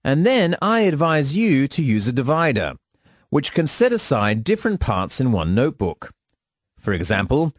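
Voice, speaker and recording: A man delivering a scripted instructional monologue in a measured, formal teaching manner. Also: fairly high pitch, dry recording, clean studio sound. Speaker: lecturer.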